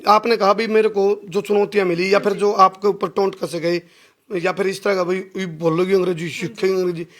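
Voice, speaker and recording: A man's voice: high-pitched, little pitch movement, normal speed, a bit bright. A man with a Haryanvi accent interviewing a guest in a folksy, conversational way. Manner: folksy, uses Haryanvi dialect words.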